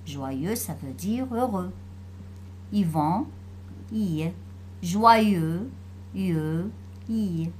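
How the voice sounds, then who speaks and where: A woman teacher giving a phonics lesson to children, pronouncing each word slowly and carefully and repeating it for the class. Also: on the low side, animated, darkish tone, a little hiss or hum. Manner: slow, carefully articulated, repeating words for pupils.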